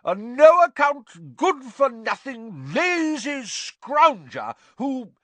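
A man voicing a loud, bullying, drunken middle-aged aunt with a booming, scornful manner. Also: very animated, moderate pace, no room sound, exaggerated voice. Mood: contemptuous.

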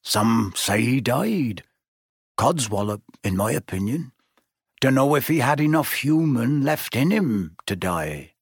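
A man voicing a gruff gamekeeper who talks slowly and folksily. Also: mid-range voice, sing-song, dry recording, clean studio sound, full character voice. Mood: dismissive.

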